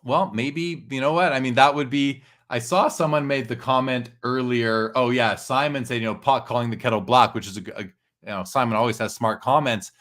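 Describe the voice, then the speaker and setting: A talkative man with a medium-pitched voice gives casual commentary. He explains at length and states his opinions plainly. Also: fairly quick, a bit bright. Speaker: show host and commentator.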